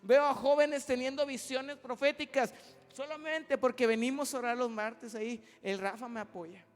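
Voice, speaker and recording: A young man preaching to a youth service, fervent, swinging from loud exhortation to a soft prayerful appeal. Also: extremely high pitch. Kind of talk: sermon with altar call. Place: church hall. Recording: reverberant church hall with music. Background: soft instrumental music.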